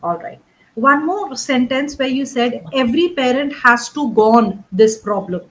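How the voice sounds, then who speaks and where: A woman's voice: sits high, a little slow, a bit bright, low-quality recording. A woman tutoring English one-on-one. She works patiently through grammar and pronunciation corrections and keeps checking understanding with "right?" and "correct?". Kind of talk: one-on-one spoken English coaching.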